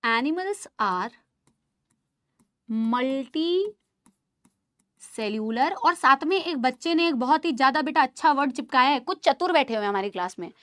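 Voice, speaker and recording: A woman teaching biology in a live online class, animated, quizzing students and calling them beta and bhaiya. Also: high voice, fast, few pauses, no room sound. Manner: asks the class many questions. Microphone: studio mic.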